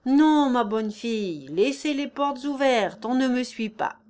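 Woman reading old peasant carpenter man, proud, hearty, emphatic, slow, fairly high voice. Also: lively intonation, darkish tone.

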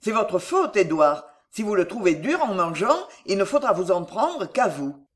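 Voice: mid-range voice, very animated, normal speed, natural voice. A reader voicing a bustling, teasing family friend who fusses over his cooking.

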